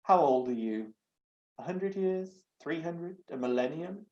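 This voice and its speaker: A man's voice: a little high, animated, unhurried, voice pushed up. An earnest young adventurer, as a man reads him, speaking up with sympathy and a bit of heat. The recording is dull and set in an echoey room. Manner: earnest, mildly argumentative. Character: earnest, soft-hearted young male adventurer.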